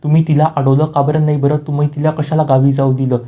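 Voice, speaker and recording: A man's voice: fairly high pitch, flat delivery, fast talker, dark tone, close to an everyday voice. A man voicing a worried, apologetic young man within a spoken serial recap. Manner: worried questioning.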